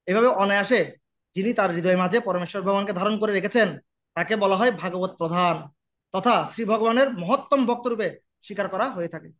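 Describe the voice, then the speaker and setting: A man's voice: high voice, brisk, a bit bright, dull audio. A man giving a devotional sermon, asking his listeners questions and chanting Sanskrit verses. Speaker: preacher.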